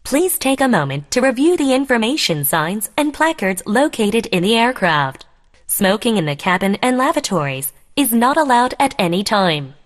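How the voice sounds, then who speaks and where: A woman reading an in-flight cabin safety announcement in a polite, formal, measured way. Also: fairly high pitch, very animated. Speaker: flight attendant making announcements.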